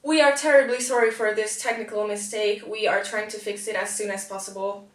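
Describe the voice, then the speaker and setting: A woman's voice: medium pitch, steady tone, brisk, noisy background, natural voice. A woman playing an earnest parody news anchor, reading mock news in a formal delivery. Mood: formal, serious. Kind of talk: scripted mock news report. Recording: roomy, echoing amateur recording.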